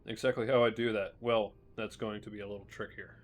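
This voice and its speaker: Man reading game entries flatly. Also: on the low side. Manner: flat, measured reading with small restarts. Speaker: streamer.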